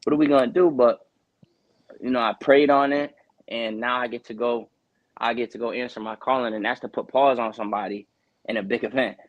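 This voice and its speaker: A man's voice: medium pitch, steady tone, a little fast, no echo, lo-fi sound. A man in his twenties, a boxer from Connecticut, talking earnestly in a casual interview, rambling with lots of "you know" fillers. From Connecticut, USA.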